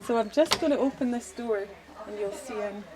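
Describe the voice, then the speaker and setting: Woman, northeast Scottish accent, fairly high pitch, informal tour guide talk. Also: a little fast, a crowd in the background, low-quality recording. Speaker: distillery owner and tour guide.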